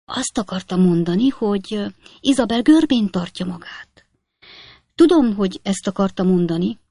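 A woman's voice: medium pitch, animated, creaky, warm tone, husky, dry recording, studio quality, voice pushed up. A woman doing a coy, jealous spinster aunt. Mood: coy, fussing. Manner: simpering, flirtatious whispering.

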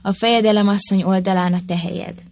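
A solemn, calm chieftain read by a woman. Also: mid-range voice, dry recording, close to an everyday voice. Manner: measured and solemn. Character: stern, calm male chieftain of a tribe. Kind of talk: audiobook reading of a historical tale.

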